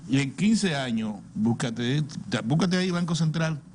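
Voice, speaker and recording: A man's voice: fairly high pitch, lively intonation, unhurried, a little mellow, slight background noise. An older man with a Dominican Caribbean Spanish accent giving opinionated political commentary, repeating words and asking rhetorical questions. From Dominican Republic. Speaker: political commentator on a talk show.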